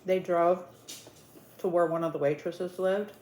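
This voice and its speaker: A woman's voice: lowish voice, fairly even intonation, a little slow, darkish tone. A woman telling a story in a casual, conversational way, dramatically retelling who said what and repeating words for emphasis. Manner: dramatic retelling, acting out quoted dialogue. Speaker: online storyteller in an eat-with-me video. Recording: roomy echo with clear background noise.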